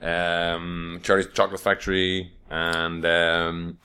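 A man's voice: low-pitched, monotone, takes it slowly, bright, forceful tone, smooth. A man co-hosting a film podcast, reviewing in casual chat with dry, sweary humour.

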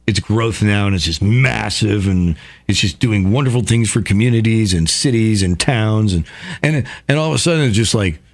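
A male radio host talking in a casual monologue, profane, excitable and rambling. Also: lowish voice, moderate pace.

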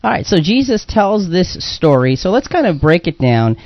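A man with a high voice, big pitch swings and normal speed hosts live religious talk radio, explaining things conversationally and repeating phrases for emphasis. The audio is dull lo-fi radio sound with no echo.

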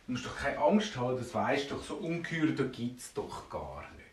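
A man with a Swiss German accent voicing a calm, sensible male dwarf who speaks in a low, soothing, reasonable way. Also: normal speed, slight background noise, natural voice. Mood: reassuring. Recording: roomy, from a distance.

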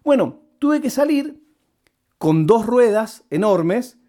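A man's voice: sits high, big pitch swings, slow, mellow. A man with an Argentine Spanish accent, telling a story in a casual monologue and repeating words for comic effect.

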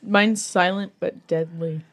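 A woman's voice: on the low side, fairly even intonation, takes it slowly, fairly bright tone. A woman co-hosting a podcast, talking casually with a joking manner. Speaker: podcast co-host. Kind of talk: casual chat.

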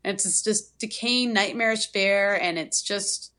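A woman's voice: medium pitch, unhurried. A woman casually recapping a horror film on a podcast, rambling with lots of fillers. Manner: rambling, filler-heavy, animated retelling. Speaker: podcast co-host.

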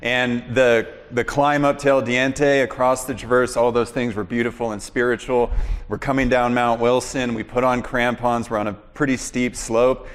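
Brief: male interview host, mid-pitched, rambling storyteller, long room reverb. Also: flat delivery. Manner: rambling, fills pauses with "you know" and "uh". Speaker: podcast host interviewing a guest.

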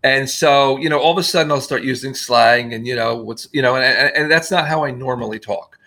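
A man's voice: mid-range voice, brisk, pushed and bright. A man being interviewed on a podcast, talking in a rambling, self-deprecating way with frequent restarts. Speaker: guest filmmaker. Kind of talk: casual podcast conversation.

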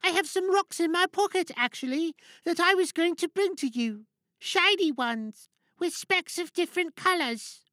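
A man's voice: very high voice, lively intonation, moderate pace, bright, forceful tone, no echo, clean studio sound, voice pushed up, full character voice. A man voicing a young girl cartoon piglet, speaking in a childlike way. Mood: wistful, confiding. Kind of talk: dramatic monologue reading in character.

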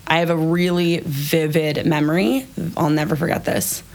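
A woman's voice: low-pitched, steady tone, normal speed, darkish tone. A woman founder, a podcast guest, telling her personal story candidly and with emotion, swearing casually now and then.

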